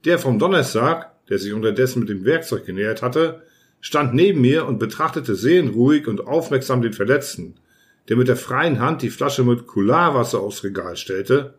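A man narrating an audiobook in the first person, reading in a measured, even way. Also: mid-range voice. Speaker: audiobook reader.

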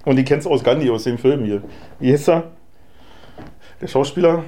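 A man's voice: medium pitch, normal speed, dark tone. A man, co-hosting a casual podcast, agreeing constantly and cracking dry, crude jokes. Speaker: podcast co-host. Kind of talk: casual chat.

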